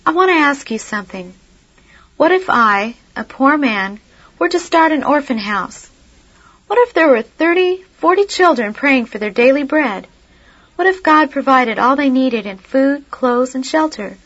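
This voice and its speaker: A woman reading the part of an earnest, devout man who cares for orphans, speaking gently and asking one question after another. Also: high voice, animated, unhurried, muffled recording.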